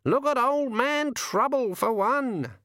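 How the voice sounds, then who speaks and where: A man voicing a cocky, talkative male raven who grumbles in a slow, drawling, working-class way. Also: very high-pitched, animated, fairly bright tone, no echo, clean studio sound, pitched above the performer's own voice, heavily acted. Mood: chatty.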